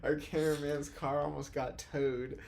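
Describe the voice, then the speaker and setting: A man's voice: a little high, flat delivery, normal speed, vocal fry, a little mellow, a little hiss or hum. A young man hosting a podcast, chatting casually and rambling with lots of restarts and fillers like "dude" and "like". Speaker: podcast host. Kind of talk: casual chat.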